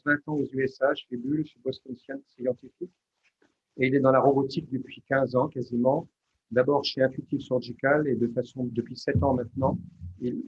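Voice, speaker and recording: A man moderating a conference session and introducing a speaker in a halting, repetitive way, over a dull connection. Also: medium pitch, slight background noise.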